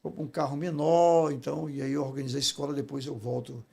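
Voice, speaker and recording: Speaking fast and in a level tone, this Brazilian interview guest, who teaches public speaking, has a medium-pitched voice that is creaky, mellow and husky. He tells his stories emphatically and didactically in a conversational interview, frequently seeking agreement.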